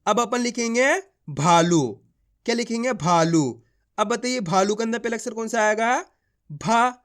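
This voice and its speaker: A man's voice: extremely high pitch, fairly bright tone. A man teaching a beginners' spelling lesson, drawing out each word and asking and answering his own questions. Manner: drawn-out words, repeats each word to the learner; addresses viewers as friends, asks and answers his own questions. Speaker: Hindi teacher.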